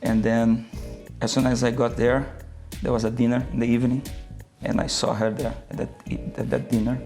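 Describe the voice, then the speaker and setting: Gravelly man, hesitant. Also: mid-range voice, flat delivery, brisk, a little mellow, soft background music. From Brazil. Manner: hesitant, searching for words. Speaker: guest. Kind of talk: casual talk show chat.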